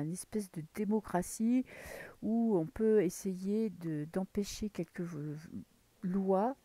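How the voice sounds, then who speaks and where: Speaking at a medium pitch in a mellow voice, this French tarot reader talks to camera in a relaxed way, thinking out loud while pulling cards. Now and then she lowers to a whisper, and the recording is dry.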